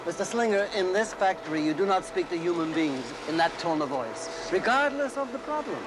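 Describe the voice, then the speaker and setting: A placating factory owner talks down to his workers and keeps ending lines with "eh?". His voice sits a little high, with clear noise under the film scene. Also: animated, brisk. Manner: soothing, patronizing, tags lines with "eh?". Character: paternal older male factory owner, smooth and placating.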